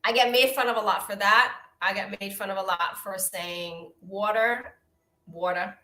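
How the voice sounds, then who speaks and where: On a live stream, a middle-aged woman with a Brooklyn accent reads oracle cards while chatting casually. Her mid-range voice keeps fairly even intonation at normal speed, punctuated by warm hellos to viewers and frequent big laughs. The sound is reverberant and the audio poor.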